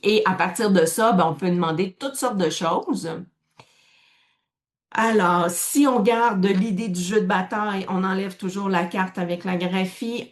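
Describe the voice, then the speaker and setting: Chatty woman demonstrating cards. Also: mid-range voice. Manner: chatty, thinking aloud with many fillers. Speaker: presenter demonstrating a card game. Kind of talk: casual explanatory demonstration.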